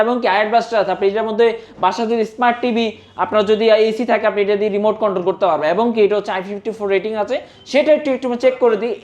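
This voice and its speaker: A Bangladeshi salesperson giving a hard-sell promotional pitch for products in an insistent, repetitive, urging manner. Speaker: phone shop salesperson.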